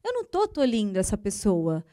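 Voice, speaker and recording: A Brazilian woman psychologist, a guest on a TV talk show, explaining calmly and acting out little example dialogues. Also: mid-range voice, brisk, dry recording, studio quality. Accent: Brazilian Portuguese. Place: TV studio.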